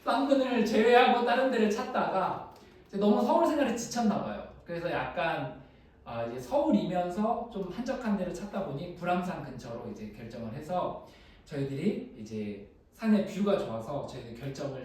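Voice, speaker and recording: A man preaching in a fairly high, lively voice, telling his own story as he swings between animated bursts and quiet, hushed passages. The sound comes from a distance and bounces around a very echoey room. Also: brisk. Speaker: pastor. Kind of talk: sermon. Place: small church room.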